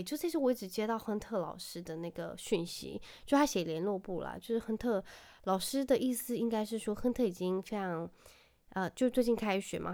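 A woman's voice: medium pitch, mellow. A woman in her thirties hosting a podcast in Taiwanese Mandarin, chatty and self-deprecating, dropping in English phrases. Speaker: podcast host. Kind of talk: casual monologue.

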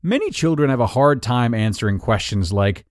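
This is a man narrating a written piece, stepping through numbered tips at a moderate pace with clear, even delivery. There's a lively rise and fall to his pitch, and the sound is intimate and dry, free of room echo.

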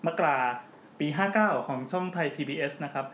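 Guy hosting a podcast, fast and a bit high, jokey, echoey room w faint hiss. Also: a bit bright. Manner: joking, explains at length. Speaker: podcast host. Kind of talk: casual chat. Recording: roomy with faint background noise.

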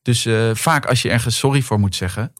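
A man's voice: mid-range voice, fairly quick, dry recording, clean studio sound. A man in his forties, a guest actor and writer, telling personal stories in a casual talk. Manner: thoughtful anecdotes, many fillers. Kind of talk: casual chat.

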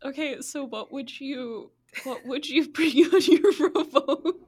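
Speaking slowly in a high-sitting voice with no echo, a young American woman hosts and produces a university podcast. She chats casually with a co-host and then reads the credits in a scripted outro.

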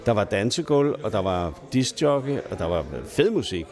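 A man's voice: fairly low pitch, expressive, a little mellow. A man casually telling old pub anecdotes, chuckling now and then and speaking in a salty, colloquial way, recorded in a neighbourhood pub. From Denmark. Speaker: storyteller.

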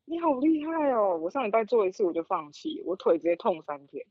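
A woman's voice: medium pitch, very animated, fairly quick, no room sound, muffled recording. A woman with a Taiwanese accent chatting casually as a podcast co-host, recorded remotely at home on makeshift gear.

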